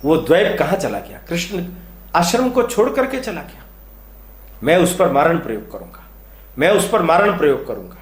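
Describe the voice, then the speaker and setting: A man's voice: fairly high pitch, big pitch swings, moderate pace. A man voicing a furious old sage who threatens a curse, recorded in an echoey room. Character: aged sage, enraged and vengeful.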